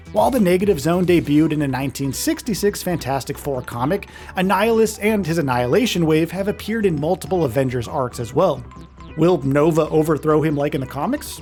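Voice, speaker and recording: A man's voice: fairly high pitch, darkish tone. A man giving a scripted, top ten countdown style narration in an enthusiastic, informal way. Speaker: video game countdown narrator. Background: music.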